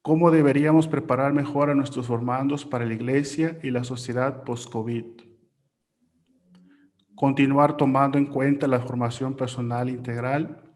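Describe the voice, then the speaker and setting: A man presenting at a workshop, reading a prepared group report in a measured, formal way. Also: mid-range voice, a little mellow.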